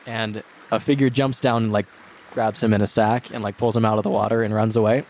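A man's voice: fairly low pitch, little pitch movement, fairly quick, darkish tone. A man narrating a tabletop game as game master, in a casual, conversational way. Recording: clear background noise.

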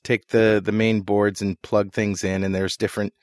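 A man with a lowish voice co-hosts a technology talk show, chatting casually and joking between topics. His voice is dry and close, with no room sound around it, and he rambles with plenty of fillers and restarts. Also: flat delivery, normal speed, a little mellow, no room sound. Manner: jokey storyteller, many fillers and restarts. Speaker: podcast co-host. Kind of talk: casual chat. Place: recording studio.

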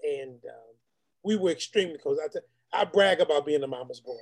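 High, gravelly-voiced man giving testimony. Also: a little fast. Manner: earnest storytelling, addresses the group directly. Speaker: deacon. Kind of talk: personal testimony in an online meeting.

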